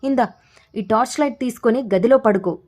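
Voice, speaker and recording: This is a playful young man from a spoken story, scolding his frightened friend in a loud, raised tone, as a woman narrator puts him on. His voice sits well above a man's usual pitch. The delivery is bossy yet fond. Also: brisk, lightly acted.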